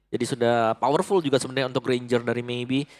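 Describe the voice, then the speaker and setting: A man's voice: medium pitch, steady tone, fast, darkish tone. An Indonesian man giving live analysis and commentary on an esports match. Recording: music behind the voice.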